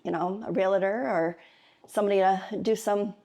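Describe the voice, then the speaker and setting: A woman's voice: medium pitch, fairly even intonation, normal speed, mellow. A woman guest on a podcast interview, explaining things in a friendly way with occasional fillers. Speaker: chamber of commerce president, guest. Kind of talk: interview answers.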